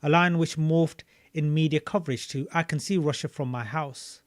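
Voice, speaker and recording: A man casually reading a book aloud and commenting on it, thinking out loud as he looks things up. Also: on the high side, moderate pace, no echo, studio quality. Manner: thinking aloud while searching maps and videos, loose and chatty.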